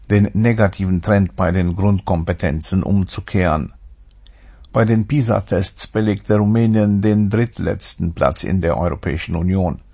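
A man's voice: deep voice, a little mellow, husky. A man reading a scripted radio news bulletin in a formal, factual manner. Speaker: newsreader.

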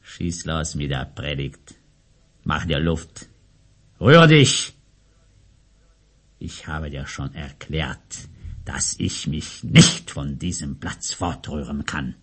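A man plays a stubborn, sarcastic fellow in a radio play. His voice is husky and he talks slowly, his pitch swinging widely as he mocks. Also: lively intonation, a bit bright, full character voice. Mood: mocking. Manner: mocking, drawn-out delivery. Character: stubborn sardonic man, rooted to one spot.

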